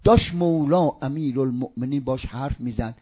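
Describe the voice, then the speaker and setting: A man preaching a religious sermon with storytelling. He swings from loud outbursts to hushed near-whispers and chants some phrases in a sing-song cadence. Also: medium pitch, breathy edge. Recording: dull lo-fi recording.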